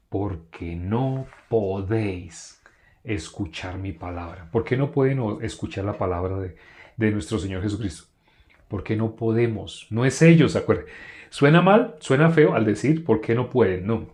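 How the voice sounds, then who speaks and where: A man's voice: medium pitch, a little mellow. Man teaching a Bible study. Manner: asks questions and answers them himself; reads verses aloud slowly.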